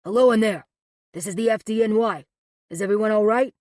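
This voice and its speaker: A woman narrator voicing a male firefighter who calls out loudly in a brisk, official way. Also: medium pitch, no room sound, clean studio sound, natural voice. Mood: urgent. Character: firm male firefighter calling through doors.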